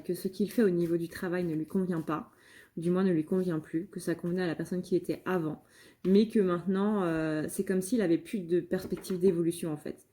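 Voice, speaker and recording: A woman with a somewhat low, mellow voice gives a casual channeled card reading. She talks in a halting way, often pausing on fillers and starting phrases over. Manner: hesitant, many fillers and restarts. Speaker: tarot reader and medium.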